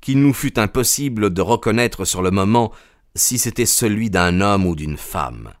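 Low-voiced male audiobook narrator. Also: expressive, moderate pace.

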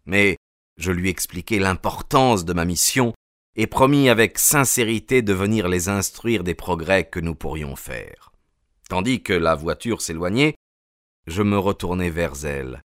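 Man, audiobook narration, low voice, dry close sound, first-person. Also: expressive, fairly bright tone, no room sound. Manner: measured first-person storytelling. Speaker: audiobook reader. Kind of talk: storybook narration.

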